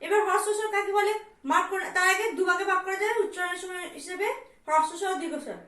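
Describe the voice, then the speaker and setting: A woman's voice: very high voice, steady tone, very fast, sharp tone. A woman teacher with a West Bengal Bengali accent, patiently explaining a lesson to young pupils, repeating terms and asking and answering her own questions. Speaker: primary school teacher. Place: classroom with board. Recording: echoey room, mic far off.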